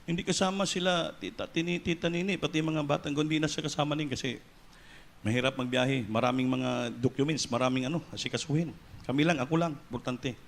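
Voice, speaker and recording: A middle-aged Filipino man preaching a sermon, telling a personal story softly and then rising into loud exclamations, mixing English words into his speech. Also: fairly high pitch, a little fast, a little hiss or hum. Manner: switches between soft storytelling and loud exclamations; mixes English words into Tagalog.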